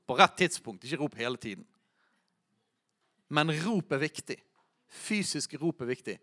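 Man preaching with loud bursts. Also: mid-range voice, sing-song. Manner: preaching with bursts of shouting when quoting. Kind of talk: sermon.

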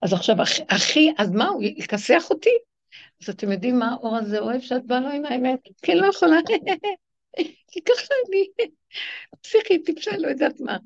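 Gravelly woman teaching a spiritual class. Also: lively intonation. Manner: emphatic, acts out the people in her stories with sudden high swings. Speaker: religious teacher leading women's classes. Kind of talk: spiritual lecture with retold stories. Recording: dull lo-fi recording.

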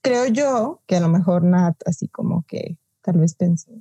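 A woman with a Mexican accent hosting a podcast in casual chat, chatty and quick to chime in. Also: fairly low pitch, animated, dark tone, husky, no room sound. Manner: chatty, backchannels a lot. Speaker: podcast host.

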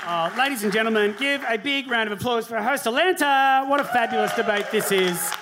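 A man's voice: very high voice, brisk, background noise. A man giving a comic debate speech on stage, mock-sincere, stammering and asking the crowd rhetorical questions. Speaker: comedy debater. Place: comedy venue before a live audience.

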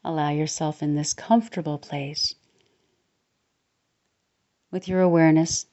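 Leading a guided meditation, a woman speaks in a low, mellow tone with fairly even intonation, slow and calming, frequently softening almost to a whisper. The audio is slightly muffled and dull.

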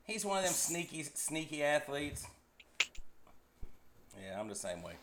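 A man's voice: on the high side, big pitch swings, measured pace. A man co-hosting a casual sports podcast, teasing and joking with the others. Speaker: podcast co-host. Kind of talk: casual chat. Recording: loud crowd noise behind.

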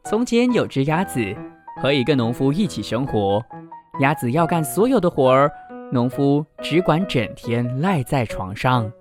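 A man hosting a children's literature show and reading a picture book aloud in a lively, expressive way. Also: medium pitch, measured pace. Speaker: podcast host and storyteller. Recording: music bed under voice. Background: background music.

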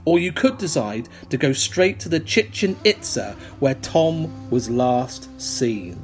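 A man's voice: medium pitch, lively intonation, slow, faint music behind. A man narrating a choose-your-own-adventure gamebook as host, with jokey asides. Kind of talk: reading a gamebook aloud with asides.

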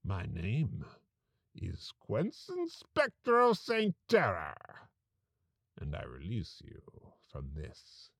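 Low-ish, gravelly and a bit bright, with huge pitch swings, a male host narrates a scripted comedic horror podcast in a theatrical, mock-ominous style full of dramatic pauses.

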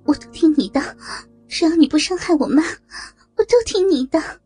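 A woman's voice: high-pitched, steady tone, a little slow, warm tone, husky, faint music behind, pitched above the performer's own voice. A woman voicing a frightened young policewoman who pleads and gives in, in an audio story. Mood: pleading, desperate. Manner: pleading, breathless, rising desperate cries. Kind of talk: audio drama reading.

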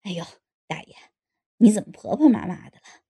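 A woman's voice: expressive, normal speed, mellow. A woman voicing a drunk, gullible married man in an audiobook, sheepish and boastful by turns. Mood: tipsy boastful. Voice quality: low husky voice. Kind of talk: audiobook character voice.

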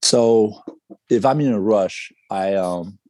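A man answering interview questions as a startup founder, in an informal, salesy, confident pitching manner with everyday comparisons. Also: takes it slowly, darkish tone, dry recording. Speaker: startup CEO guest.

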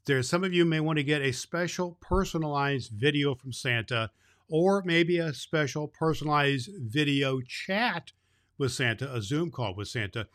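A man playing Santa Claus as a jolly, grandfatherly old man, talking kindly and haltingly to children as host of a Christmas story show. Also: on the high side, fairly bright tone, natural voice. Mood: cheerful, kindly. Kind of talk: unscripted, folksy address to child listeners.

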